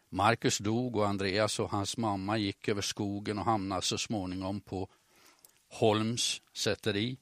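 A man with a northern Swedish accent talks on the radio in a low, unhurried voice. He explains things patiently, like a storyteller. The recording is close and dry, with no room sound. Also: no room sound. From Norrland, northern Sweden. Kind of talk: radio talk on language and family history.

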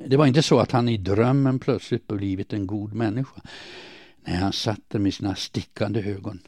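A man reading a first-person diary aloud in a quiet, measured, somber way. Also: lowish voice, fairly even intonation, no echo, clean studio sound. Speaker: audiobook narrator.

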